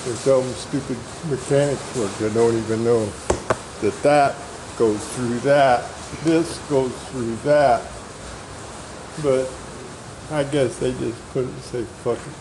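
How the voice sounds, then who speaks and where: Gravelly older man swearing over repairs. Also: mid-range voice, steady tone, slow pace, noisy background. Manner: gruff, swears a lot, mutters complaints. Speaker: host's father. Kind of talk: casual chat while fixing a vehicle.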